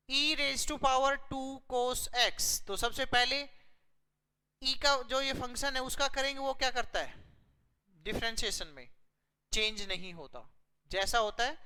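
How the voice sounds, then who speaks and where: A woman teaches a math lesson step by step in a slightly high voice. She explains slowly, asking herself questions and answering them. The sound rings with long reverb. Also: bright, forceful tone. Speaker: physics teacher.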